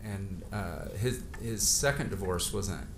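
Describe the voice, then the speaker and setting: A man cross-examining a witness, pressing with halting questions and fillers, heard in a courtroom recording. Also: low-pitched. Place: large courtroom. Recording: echoey courtroom audio with steady noise.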